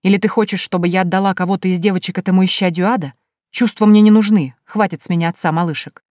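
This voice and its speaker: Woman reading defiant young witch, emphatic and pressing, low voice, dry close sound. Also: fairly even intonation, fast talker, darkish tone, dry recording, close to an everyday voice. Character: young ambitious witch, eager, later cold and defiant.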